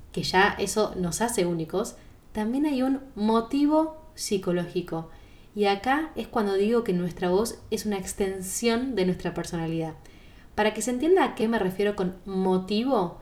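A woman with a Rioplatense Spanish accent teaches singing in a podcast monologue. Her voice sits at a middle pitch for a woman. She explains things calmly and speaks straight to the listener.

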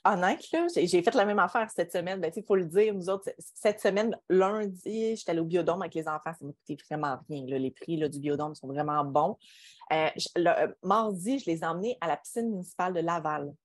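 A woman with a somewhat low voice and a Quebec French accent, in casual podcast conversation. She is emphatic and colloquial, often putting questions to the listener. The sound is close and dry. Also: fairly quick, dry recording. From Quebec, Canada.

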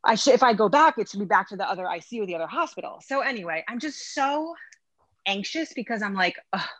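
A woman's voice: mid-range voice, animated, fast, fairly bright tone, no echo. A woman in her thirties, a doctor, telling a frustrating story in a rambling, exasperated way with many restarts. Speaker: coaching client, physician. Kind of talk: emotional casual storytelling.

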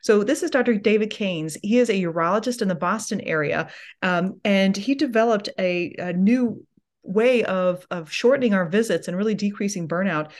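A woman hosts a podcast interview with an enthusiastic, upbeat manner. Her voice sits at a middle pitch, and she sounds keen as she brings in her guest and asks questions. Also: normal speed. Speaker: podcast host.

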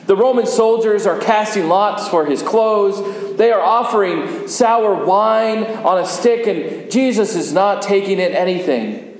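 A man performing a first-person dramatic monologue as a humble, repentant crucified criminal, earnest and short of breath. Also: high-pitched. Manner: earnest, slow and deliberate. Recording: echoey hall with long reverb.

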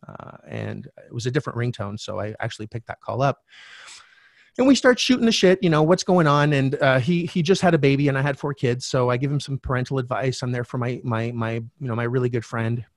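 This is a middle-aged man on a podcast telling his story with blunt, animated candor and the odd curse. His pitch sits in a normal male middle range. The sound is dry with no room echo. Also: fairly quick, creaky. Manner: frank, animated storyteller who swears casually. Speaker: podcast guest, real estate coach. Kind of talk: candid storytelling.

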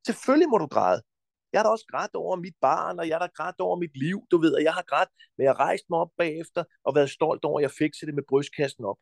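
A Danish man talking as a podcast guest, giving forceful advice bluntly and insistently, with frequent swearing. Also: on the high side, gravelly, no echo.

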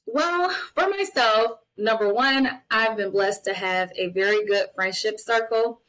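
A late-thirties woman speaks a little slowly, her medium-pitched voice fairly bright, over poor-quality audio. As a podcast guest and mental health advocate who is also a guardian, she addresses listeners directly with candid, emphatic advice. The format is a conversational interview of personal testimony and advice.

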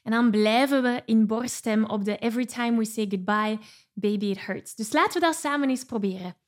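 High-voiced woman teaching singing. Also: fairly quick. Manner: encouraging, explains technique then sings examples. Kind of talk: vocal lesson with sung demonstrations.

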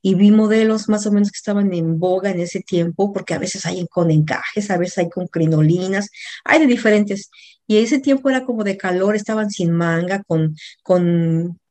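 A middle-aged woman with a Mexican accent, a coach recounting a personal story in a lively, anecdotal way, often correcting herself mid-sentence. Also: medium pitch, moderate pace.

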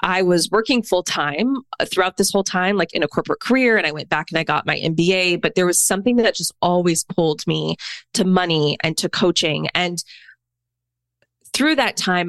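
A woman's voice: on the low side, no echo. A woman in her thirties, a podcast guest, talking candidly and casually, full of "like" and "right?". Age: 30s. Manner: candid, chatty, peppers speech with "like" and "right?". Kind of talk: casual conversational storytelling.

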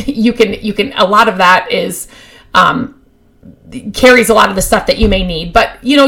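A woman hosting a podcast, giving casual, practical advice in a chatty way, with many fillers and restarts, and getting excited about her topic. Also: medium pitch. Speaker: podcast host.

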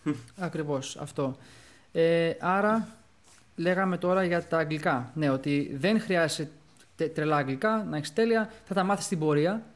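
A young man co-hosting a podcast in casual conversation, talking in animated quick bursts. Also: on the high side. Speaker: podcast co-host.

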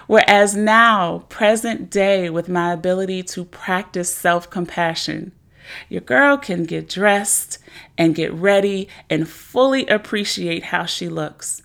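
Earnest woman, slightly low voice. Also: a little slow, gravelly. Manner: earnest, conversational, acts out inner voices. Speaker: podcast host. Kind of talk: casual self-help talk.

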